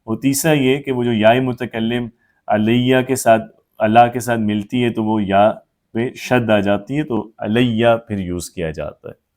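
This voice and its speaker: A man's voice: on the low side, a little mellow. A man teaching Arabic grammar, patiently repeating each form and often checking that the class has understood. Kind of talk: explanatory grammar lesson.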